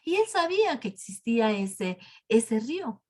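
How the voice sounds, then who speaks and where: A woman's voice: on the high side, big pitch swings, a little slow, darkish tone. A woman telling a Bible story to children, animatedly addressing them directly.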